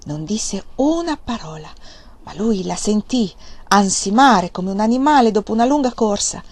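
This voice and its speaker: A woman reads a novel aloud in a measured, expressive way. Her voice sits at an ordinary middle pitch for a woman. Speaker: reader of a novel. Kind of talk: audiobook narration.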